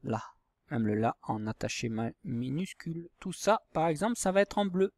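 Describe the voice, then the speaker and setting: A man's voice: fairly high pitch, sing-song, moderate pace, darkish tone, no echo. A man teaching a lesson to young pupils, patiently spelling out letters and syllables. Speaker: primary school teacher. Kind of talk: recorded handwriting and reading lesson for young pupils.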